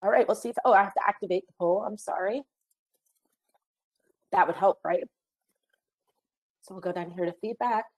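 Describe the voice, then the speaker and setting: Slightly hoarse woman wrapping up a webinar. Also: medium pitch, normal speed, pauses often, a little mellow, low-quality recording. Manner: chatty, friendly, apologetic asides. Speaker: webinar trainer. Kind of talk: online training webinar wrap-up.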